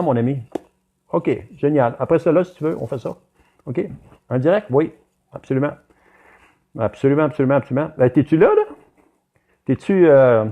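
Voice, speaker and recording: A man's voice: mid-range voice, muffled recording. A man with a Québécois French accent hosting a live stream, reading viewer comments aloud and chatting straight to his audience. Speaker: livestream host.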